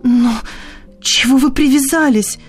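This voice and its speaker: A woman doing Marya Sergeevna, high and coy. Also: animated, measured pace, a bit bright, soft background music. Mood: sulky. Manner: coy, flustered, then shrill and offended.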